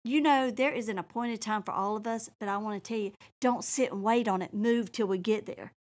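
A woman's voice: medium pitch, brisk, darkish tone. Southern lady preaching on her show, fired up and folksy. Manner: fervent, exhorting, folksy. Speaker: host. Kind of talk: preaching-style faith talk.

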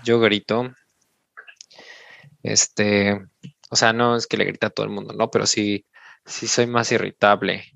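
A man's voice: on the low side, flat delivery, normal speed, creaky, sharp tone, no room sound. Mexican man guiding listeners step by step. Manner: explains step by step, tags sentences with "¿no?". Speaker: podcast co-host and coach. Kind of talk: instructive podcast talk.

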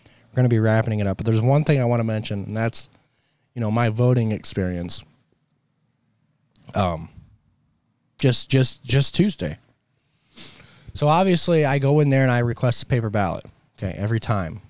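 American man with a sore throat, dark-toned. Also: mid-range voice, expressive, normal speed, pauses often, dry recording. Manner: emphatic, exasperated, colloquial. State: sore throat with coughing and throat clearing. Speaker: host of a political commentary show. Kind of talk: opinionated political monologue.

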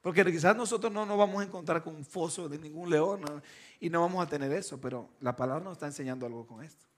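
A man preaching a sermon with emphatic, repeated phrases, swinging between loud bursts and hushed, slow lines. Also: on the high side.

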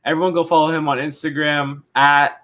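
A man's voice: a little high, flat delivery, fairly quick, bright, forceful tone. A man hosting a casual interview, friendly and informal. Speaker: interviewer host.

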